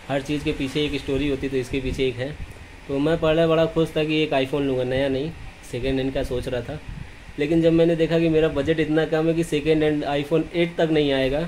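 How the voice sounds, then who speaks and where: A man's voice: on the high side, fairly even intonation, normal speed, a little mellow, slight background noise, low-quality recording. Chatty young man vlogging on a phone. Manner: chatty, laughs at himself. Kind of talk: casual vlog chat. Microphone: phone camera.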